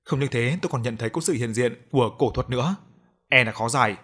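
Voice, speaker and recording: A man's voice: medium pitch, quick pace, a bit bright, breathy edge. A man playing a stern older male exorcist who speaks in a solemn, authoritative way. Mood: grave.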